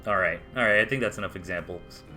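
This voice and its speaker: A man's voice: low-pitched, fast, bright, forceful tone, faint music behind. A man with a Southern US accent casting a strategy game match live, chatty play-by-play with casual asides. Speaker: esports caster.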